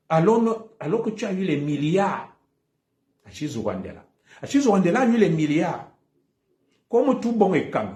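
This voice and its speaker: A combative man with a Cameroonian French accent rants through a live stream, repeating his points with heavy emphasis. His fairly high voice swings widely in pitch. The room around him sounds echoey. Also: a little mellow. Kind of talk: heated livestream monologue.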